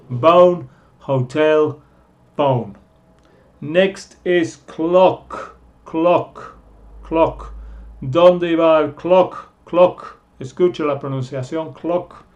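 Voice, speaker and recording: Slow-speaking male teacher. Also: a little high, lo-fi sound. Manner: drawn-out, repeats sounds slowly. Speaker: English teacher. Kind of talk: slow pronunciation lesson.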